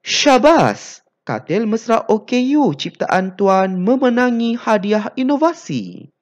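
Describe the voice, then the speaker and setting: Eager reporter, all exclamations, voice pitched up high, teacher reading it out, muffled lo-fi audio. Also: big pitch swings, takes it slowly. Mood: enthusiastic. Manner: bright, exclamatory read-aloud delivery. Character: eager reporter praising an inventor.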